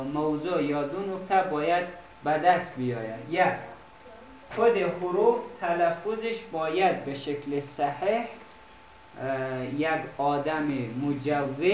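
A man teaching Quran recitation, dictating slowly and repeating each phrase for students to copy. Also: a little high, a little mellow, distant mic, a little hiss or hum. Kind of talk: dictating a lesson. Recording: echoey room with class chatter.

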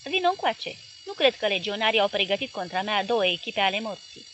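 Lady reading as a big loud newspaper boss guy, gruff and hot-tempered, yells out of nowhere, audiobook. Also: sing-song, slight background noise. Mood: gruff, confiding. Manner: booming, explosive shouts. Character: powerful middle-aged male newspaper magnate, volatile.

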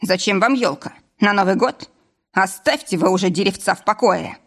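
A woman voicing a gruff, bearded, middle-aged male forester who scolds bluntly, in an audiobook. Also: mid-range voice, moderate pace, a bit bright. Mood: grumbling. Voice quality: rough.

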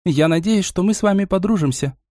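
Man doing a calm princess seer, storybook audiobook, soft, mentoring, slightly high, dry sound. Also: a little fast, dry recording, close to an everyday voice. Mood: gentle.

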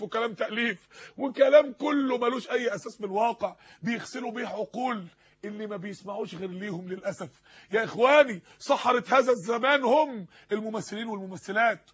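A man's voice: high voice, a bit bright, breathy edge, muffled recording. A man from Egypt with an Egyptian Arabic accent preaching a fervent sermon, pleading and firing repeated rhetorical questions. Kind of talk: impassioned sermon.

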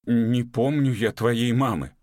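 A man's voice: mid-range voice, takes it slowly, darkish tone, no echo, studio quality, natural voice. A man voicing a sullen, drunk grown man with a grumbling way of talking.

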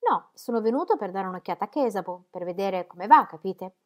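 A woman doing a rambling, fussy older gentleman. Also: mid-range voice, lively intonation, a little fast, lightly acted. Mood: chatty. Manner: rambling, chatty, repeats himself.

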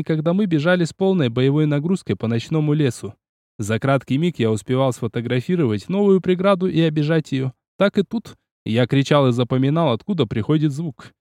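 A man narrating an audiobook in first person, energetic and often shouting through the action. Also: a little high, no room sound, clean studio sound.

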